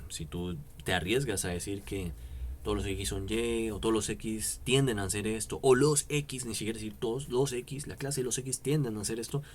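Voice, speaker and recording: A man's voice: lowish voice, a little hiss or hum. A man giving a casual, rambling philosophy lesson to camera, asking many tag questions and repeating "no" for emphasis. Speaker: philosophy YouTuber. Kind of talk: casual explanatory lecture to camera.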